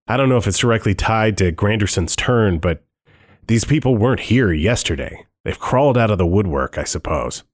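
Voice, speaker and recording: A man reading a first-person thriller audiobook in a tense, wry inner-monologue voice. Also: low voice. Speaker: narrator.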